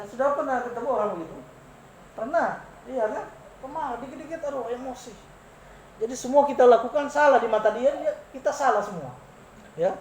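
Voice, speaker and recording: A preacher giving an animated sermon, asking the congregation questions and answering them. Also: mid-range voice, slight background noise. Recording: roomy, echoey room sound.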